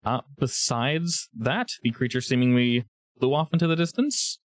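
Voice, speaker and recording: A man narrating as game master of a tabletop role-playing game, lively and quick to laugh. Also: medium pitch, no room sound, clean studio sound. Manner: animated, laughs often.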